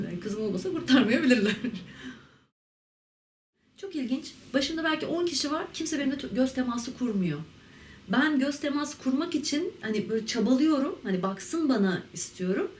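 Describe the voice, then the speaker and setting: A woman in her thirties from Turkey speaks candidly and reflectively, pausing on fillers as she testifies. Her voice sits slightly high and reaches the mic from some distance. The room is echoey, with faint ambience behind her. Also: lively intonation, slight background noise. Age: 30s. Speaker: interviewee, ceramic artist. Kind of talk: personal testimony to camera.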